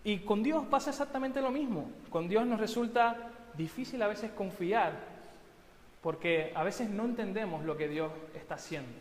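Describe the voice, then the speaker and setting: Pastor guy preaching, tells a story with jokes thrown in, fairly high voice, echoey church. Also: slight background noise. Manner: storytelling with joking asides. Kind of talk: sermon.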